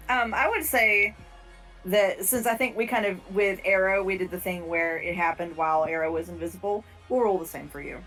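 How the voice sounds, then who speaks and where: A woman's voice: medium pitch, normal speed, fairly bright tone, faint music behind, poor audio. A woman acting as game master, speaking in a casual, playful way to the players.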